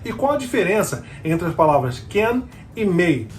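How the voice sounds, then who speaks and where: High-voiced man teaching patiently. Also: very animated, slight background noise. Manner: patient, repeats key words slowly, asks checking questions. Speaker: English teacher. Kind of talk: explanatory language lesson.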